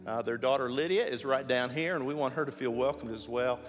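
A man's voice: medium pitch, a little fast. A man speaking as a pastor, giving friendly church announcements and introducing guests. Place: church sanctuary. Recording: echoey sanctuary with faint music.

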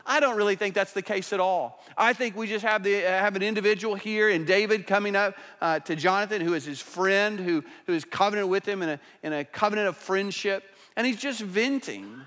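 A man's voice: sits high, brisk, hardly any pauses, fairly bright tone, big-room sound. A man preaching a sermon as pastor, talking in a conversational way with restarts and small acted-out quotes. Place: church sanctuary.

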